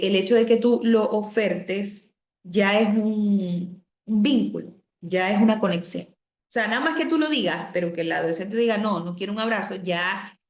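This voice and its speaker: A woman teaching an online class over a video call. She explains things conversationally, repeats key words and often adds asides. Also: medium pitch. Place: home or office on a video call. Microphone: computer mic on a video call. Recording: roomy video call audio.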